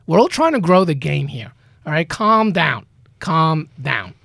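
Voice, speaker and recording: A man's voice: on the high side, sing-song, measured pace, vocal fry, bright, forceful tone, no echo, clean studio sound. A man from Peru talking soccer as co-host, passionate, stretching his words out for emphasis. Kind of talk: casual soccer talk.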